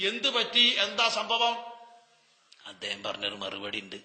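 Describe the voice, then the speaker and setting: Bright-voiced preacher in an echoing hall. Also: male voice, high voice, wildly swooping pitch, unhurried. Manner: dramatic storytelling with rhetorical questions and answers. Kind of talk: Ramadan sermon. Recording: long hall reverb.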